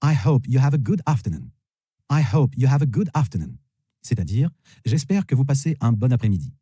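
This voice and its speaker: Dark husky man teaching vocabulary. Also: mid-range voice, sing-song, no echo. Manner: slow, repeats each word three times. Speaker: English teacher. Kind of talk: vocabulary lesson, repeating words.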